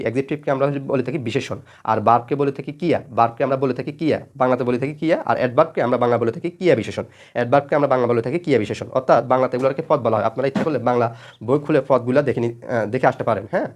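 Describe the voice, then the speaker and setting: Man teaching grammar super fast, says everything twice, lots of ums. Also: mid-range voice. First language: Bengali. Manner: repeats each point several times, many fillers. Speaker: English teacher. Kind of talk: spoken grammar lesson.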